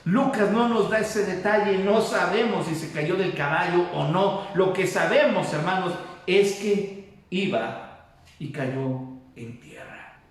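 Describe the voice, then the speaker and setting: High-voiced man preaching in an echoey room. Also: takes it slowly. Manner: emphatic preaching, repeatedly addressing the congregation. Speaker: pastor. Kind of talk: Bible-study sermon. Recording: very echoey room, mic far off.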